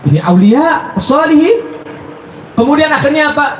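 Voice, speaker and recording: A man preaching a sermon, telling stories in an animated way and addressing his listeners as brothers at a religious gathering. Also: very high-pitched, moderate pace, slight background noise. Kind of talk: sermon storytelling. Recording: echoey, dull live recording.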